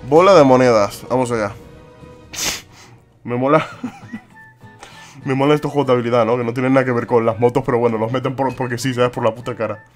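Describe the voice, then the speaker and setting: A young man commentates a video game in a mid-pitched voice. He is excitable and cusses a lot as he plays. Faint game music sits behind him. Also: fairly quick, long pauses. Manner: excitable, swears and exclaims often. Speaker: gaming YouTuber. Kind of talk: let's play commentary.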